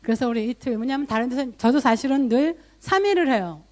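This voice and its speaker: A woman's voice: sits high, expressive, fast talker, a little mellow. A woman pastor giving a sermon in a conversational storytelling way, sprinkling in English words and lifting her voice when she quotes her own prayers. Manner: mixes English loanwords into speech.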